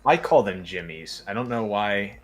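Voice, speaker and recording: A man's voice: lowish voice, expressive, normal speed, over music. A man from New Jersey in casual chat, hesitant with many fillers, laughing easily. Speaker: co-host.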